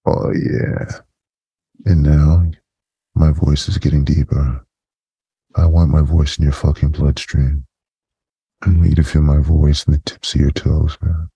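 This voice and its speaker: A man speaking through a voice effect that pitches him very deep, in a slow, murmured, commanding intimate monologue. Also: little pitch movement, dark tone, slightly rough, dry recording. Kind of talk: intimate erotic hypnosis monologue. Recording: dull lo-fi dry recording.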